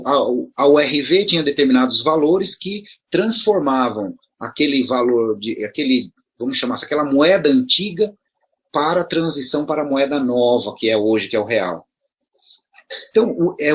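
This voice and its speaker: Very husky middle-aged Brazilian man. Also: on the high side, a bit bright. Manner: conversational, rhetorical questions, frequent restarts. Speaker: video commentator addressing promoters. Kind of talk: casual explanatory monologue.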